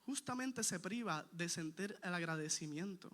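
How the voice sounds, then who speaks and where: A man's voice: high voice, expressive, normal speed, fairly bright tone. A man preaching a sermon in an earnest, emphatic way, repeating his points and putting questions straight to the congregation.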